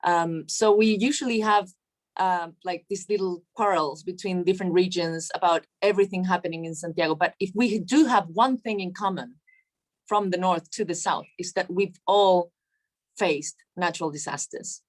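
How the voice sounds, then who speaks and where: Woman from Chile, friendly seminar presenter on a video call, somewhat low voice, informal with fillers. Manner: friendly, informal, laughs easily, halting with fillers. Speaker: museum foundation director presenting.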